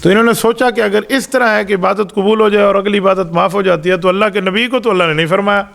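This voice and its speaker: Male mufti, middle-aged, high voice, emphatic storytelling Quran lesson. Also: fairly even intonation, creaky, fairly bright tone. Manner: storytelling, acts out quoted dialogue; explanatory, emphatic. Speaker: mufti, Islamic preacher. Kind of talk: Ramadan Quran lesson sermon.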